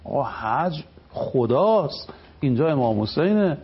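A man's voice: medium pitch, sing-song, husky, lo-fi sound. A man speaking as a cleric on a television program, delivering an emphatic religious lecture. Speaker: cleric guest.

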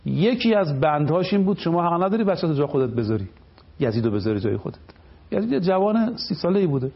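A man's voice: fairly high pitch, sing-song, slightly rough, dull audio. A man speaking as a cleric on a television program, delivering an emphatic religious lecture. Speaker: cleric guest.

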